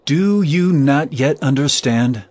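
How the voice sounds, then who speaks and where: An actor playing Jesus as an earnest, emphatic teacher in an audio Bible drama. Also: male voice, on the high side, lively intonation, slow, a little mellow. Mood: reproachful. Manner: earnest, emphatic, rhetorical questioning. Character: Jesus, compassionate yet stern male teacher. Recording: dramatic music behind the voice.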